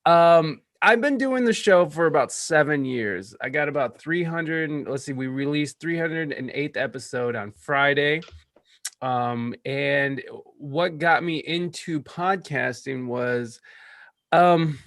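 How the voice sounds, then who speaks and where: A man in his thirties, a podcaster who is a guest on a call, talking in a rambling, energetic way with stammered restarts. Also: fairly high pitch, slow pace. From California. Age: 30s. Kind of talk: casual interview chat. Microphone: podcast microphone.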